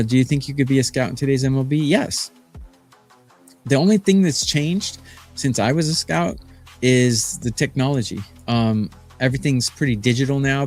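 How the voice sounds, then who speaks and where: A man in his fifties from Arizona, a sports betting handicapper talking on a live stream in a boastful, rambling way with lots of fillers. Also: medium pitch. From Phoenix, Arizona. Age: 50s.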